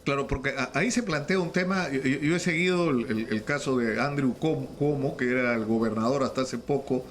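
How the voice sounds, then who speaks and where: This radio interview features a man from Peru whose voice sits at a medium pitch, with a bit of background noise behind him. His Peruvian Spanish accent comes through as he haltingly argues his point, tripping over and repeating words.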